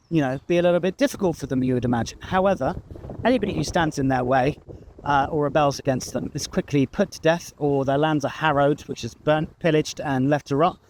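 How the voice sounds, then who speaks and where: A man with a Received Pronunciation accent, rambling in a relaxed way while walking his dog outdoors. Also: medium pitch, slight background noise. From England. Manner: chatty, relaxed, with frequent ums and uhs. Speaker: vlogger. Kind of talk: casual explanatory ramble.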